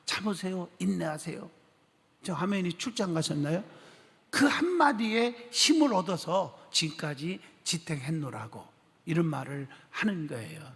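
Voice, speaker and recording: Male pastor, sermon storyteller, gravelly and high-pitched, quizzes the congregation, reverberant church hall. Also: normal speed. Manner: animated storytelling, acting out quoted speech, questioning the congregation. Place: church sanctuary.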